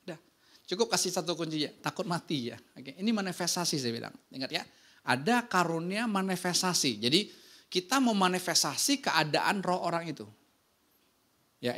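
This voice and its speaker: A pastor preaching a casual, lively sermon, telling stories and often checking in with the congregation. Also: male voice, high-pitched, fairly quick. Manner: casual, slangy preaching with anecdotes.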